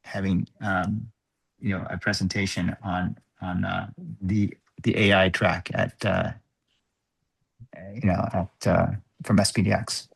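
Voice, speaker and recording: Low creaky-voiced man chairing a call. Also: flat delivery. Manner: halting, thinking aloud, measured. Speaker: work group meeting chair. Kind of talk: online work meeting discussion. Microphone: video call microphone.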